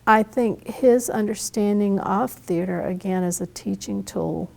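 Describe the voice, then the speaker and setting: A woman's voice: mid-range voice, unhurried, gravelly, darkish tone. A woman in an interview, explaining things in a thoughtful way. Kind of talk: documentary interview.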